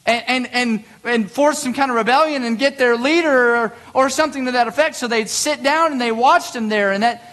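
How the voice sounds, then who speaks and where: A man with a strikingly high voice preaches a sermon in a church. He tells the story vividly, dropping low and quiet, then rising to loud, drawn-out emphasis. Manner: vivid preaching with emphatic, sweeping pitch swings. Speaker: pastor. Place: church sanctuary.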